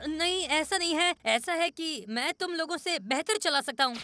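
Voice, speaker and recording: A woman's voice: very high voice, animated, normal speed, over loud music. A woman voicing a boastful young boy ninja villain in a cartoon dub, whiny and bossy when things go wrong. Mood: bragging.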